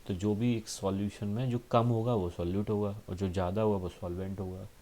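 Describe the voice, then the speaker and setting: Calm low-voiced man teaching science. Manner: explains patiently, with frequent tag questions; reads textbook lines slowly in English. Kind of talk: classroom lesson.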